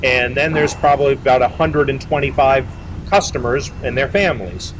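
A middle-aged man answers interview questions in a loose, rambling way, full of fillers and restarts, at an ordinary mid pitch. He sits outdoors beside a boat at a marina, picked up on a lapel mic. Clear background noise of traffic and machinery runs underneath. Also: lively intonation, moderate pace, poor audio. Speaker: boat manufacturer representative.

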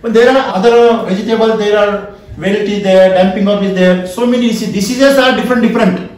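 In a small, wood-panelled training room, a man in his forties with an Indian accent lectures a class with emphasis, asking questions and repeating key phrases. His voice is high-pitched and a little fast, with a steady, darkish tone. He is a trainer, picked up by a camera a few feet away in a very echoey space.

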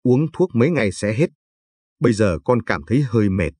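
A man's voice: lowish voice, animated, a little fast, a little mellow, husky, no room sound. A man reading the lines of a frightened, tearful young pregnant woman in a spoken story. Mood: pleading. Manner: pleading.

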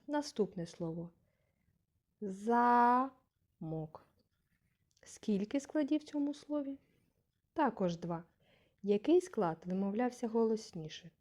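A woman teaching a young class, slow and patient, saying example words aloud with a rising question tone to stress syllables. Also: mid-range voice, warm tone. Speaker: primary school teacher. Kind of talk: scripted lesson narration.

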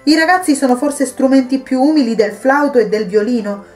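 A woman reading the lines of a kind, devout wife and mother who gently persuades a troubled guest to stay. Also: high voice, brisk, soft background music, pitched above the performer's own voice, close to an everyday voice. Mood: gently persuasive. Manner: warm, patient pleading.

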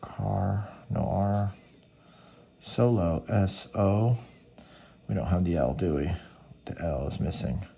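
Low-voiced man muttering casually, slightly gravelly. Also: slow, pauses often, mellow. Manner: muttering to himself, spelling out letters in short fragments. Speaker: host of a scratch ticket video. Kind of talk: casual running commentary on a task.

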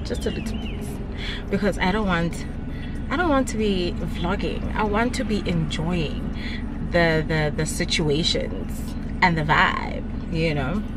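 A woman's voice: on the low side, unhurried, very noisy. Chatty young woman vlogging to camera. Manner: chatty, animated, laughs between phrases. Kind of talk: casual vlog talk to camera. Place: gym, kitchen and parked car. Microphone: handheld camera at arm's length. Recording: loud music playing behind her.

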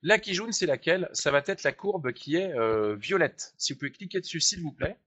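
A man's voice: a little high, animated, moderate pace, a bit bright, breathy edge. Chatty man teaching a live webinar. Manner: chatty, explanatory, asks viewers to click along. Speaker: trading software trainer. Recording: dull lo-fi sound.

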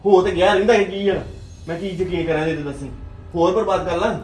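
A man plays a Punjabi husband who flares up fast and accuses his wife. He talks rapidly in a fairly high voice. A roomy echo and faint music sit behind him. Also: close to an everyday voice. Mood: heated. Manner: hot-tempered, quick, accusing. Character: hot-tempered young husband suspicious of his wife. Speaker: angry husband and son. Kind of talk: family drama acting.

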